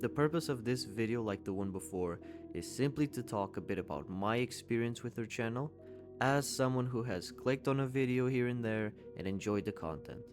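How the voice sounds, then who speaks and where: A man's voice: mid-range voice, moderate pace, music in the background. A man in his twenties giving a candid, conversational commentary voice-over and swearing casually. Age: 20s. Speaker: YouTube commentator.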